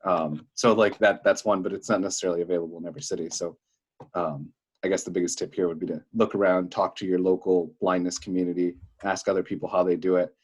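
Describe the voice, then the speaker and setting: A man's voice: low-pitched, flat delivery, fast talker, husky. A young man co-hosting a podcast, chatting casually and telling stories with lots of fillers. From Wisconsin. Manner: chatty storyteller, many fillers. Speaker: podcast co-host. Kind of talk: casual chat.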